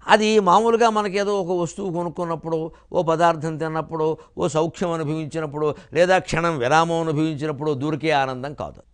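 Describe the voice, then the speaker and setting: A man's voice: on the high side, fairly even intonation, clean tone. Older man giving a spiritual discourse. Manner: recites verses in slow drawn-out chant. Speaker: spiritual lecturer. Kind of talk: televised discourse.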